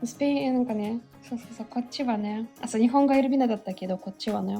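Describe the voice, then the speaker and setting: This host is a woman with a Russian accent whose dark-toned, slightly high voice moves very fast. Her casual chat is full of fillers and easy laughter. There's roomy echo in the recording, plus faint music behind her.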